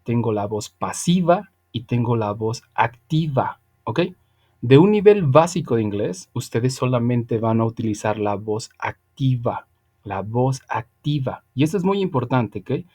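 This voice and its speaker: Mellow-voiced man teaching an online class. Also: mid-range voice, animated, a little slow. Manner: explanatory, checks in with frequent "ok?". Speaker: English teacher.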